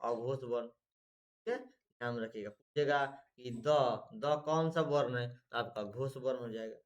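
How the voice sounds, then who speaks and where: A man's voice: medium pitch, measured pace. A man teaching an exam-prep lesson, repeating each point and quizzing the students with short questions. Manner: repetitive, drills and quizzes students.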